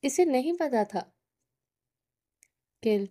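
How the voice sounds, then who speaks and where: A woman narrating a novel aloud in a steady reading voice with small restarts. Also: sits high, no room sound, clean studio sound. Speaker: novel reader. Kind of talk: audiobook narration.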